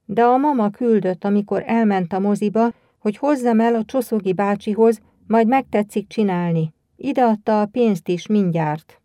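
A woman's voice: medium pitch, hardly any pauses, dark tone, no echo, natural voice. Small shabby boy, pleading, hesitant, storybook reading, woman reader, dry close sound. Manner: unsure, pleading. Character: shabby timid young boy.

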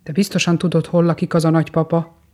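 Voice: medium pitch, level tone, a little mellow, natural voice. A storyteller playing a cheeky old crow. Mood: curious.

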